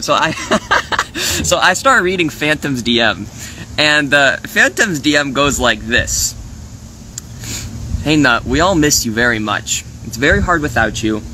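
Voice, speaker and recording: A man's voice: a little high, sharp tone, a little hiss or hum. A man streaming live from his phone, rambling casually with lots of fillers and restarts and swearing freely as he vents. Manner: swears freely, aggrieved venting.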